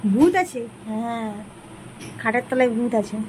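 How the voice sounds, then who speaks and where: A woman's voice: on the high side, expressive, unhurried, background noise. A woman chatting with a toddler at home, coaxing and teasing, asking the same question again and again. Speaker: vlogger. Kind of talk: casual chat with a toddler.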